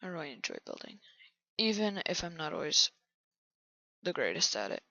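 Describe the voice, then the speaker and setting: A man quietly commenting on his own game build, often half-whispering to himself. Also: fairly high pitch, wildly swooping pitch, moderate pace, creaky, no echo, highs cut off. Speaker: channel host building in a video game.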